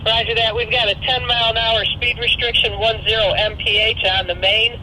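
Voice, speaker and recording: A man working as a railroad dispatcher, heard over a radio scanner with static bursts, giving orders in crisp, formal radio phrasing. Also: sits high, level tone, brisk, pushed and bright, low-quality recording. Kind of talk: railroad radio procedure talk.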